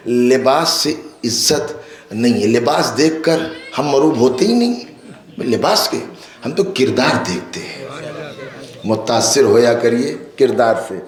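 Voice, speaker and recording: A man from Uttar Pradesh, India, with an Indian Urdu accent, delivering a sermon at a gathering, swinging between ringing shouted recitation and quiet conversational asides to the listeners. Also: mid-range voice, animated. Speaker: Shia cleric delivering a majlis. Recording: echoey hall.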